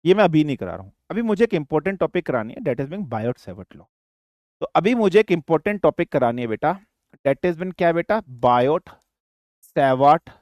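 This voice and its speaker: A slightly high voice with a darkish tone and no echo belongs to an older man teaching physics online. He has a dry throat, mixes Hindi and English, repeats questions, and refers to his students as beta.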